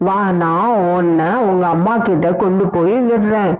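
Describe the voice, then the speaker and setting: A woman's voice: on the low side, normal speed, a little mellow, close to an everyday voice, rough recording. A woman voicing a scheming, bossy female crow in a cartoon, speaking in a commanding, crafty way.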